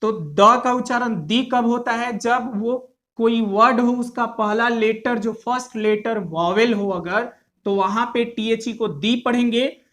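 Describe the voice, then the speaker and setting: A man's voice: extremely high pitch, takes it slowly, fairly bright tone. A man teaching English pronunciation in a classroom style. He is patient, repeats each point and asks his class questions.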